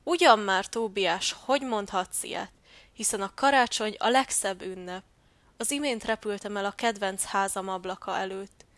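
A chirpy, cheerful little bird, as a woman reader puts her on, bright in mood and fairly loud. She sounds dry and close to the mic. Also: mid-range voice, no echo, natural voice. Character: cheerful little female great tit.

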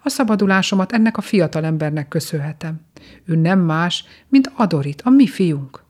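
A woman's voice: fairly low pitch, animated, darkish tone. Woman reading as a protective captive king. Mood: earnest. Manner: earnest, reassuring.

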